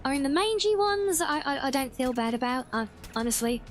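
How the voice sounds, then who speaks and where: High-voiced woman chatting over gameplay. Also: animated, brisk, slight background noise. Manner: chatty, rambling, thinking aloud. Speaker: game streamer. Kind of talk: casual gameplay commentary.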